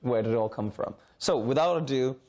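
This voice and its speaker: This middle-aged Hong Kong man, back at his old school as a guest speaker, chats informally with students from a seat in the library. His medium-pitched voice is a little mellow and brisk, and he keeps repeating words while looking for how to say things.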